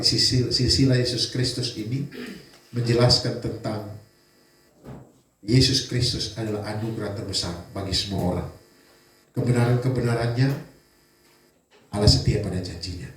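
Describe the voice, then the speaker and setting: A man's voice: mid-range voice, moderate pace, long pauses. Man preaching in an echoey hall. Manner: lively preaching with rhetorical questions. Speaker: pastor. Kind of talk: sermon. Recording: echoey church hall from far off.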